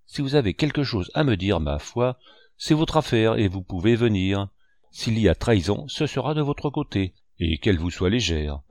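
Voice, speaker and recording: A stern, curt ship's captain, played by a male narrator, issuing commands in clipped phrases. The voice sits higher than the reader's own and moves lively. The recording is dry. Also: moderate pace, no room sound.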